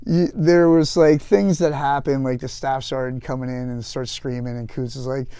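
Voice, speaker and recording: A man being interviewed as a guest author and veteran, telling anecdotes in a lively, casual way with frequent restarts. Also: medium pitch, normal speed, smooth, no room sound. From United States.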